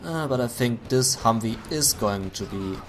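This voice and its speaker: A man commentating a video game match on his own, getting excited at big plays, his voice going hoarse. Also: medium pitch, unhurried, a little hiss or hum. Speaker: esports caster.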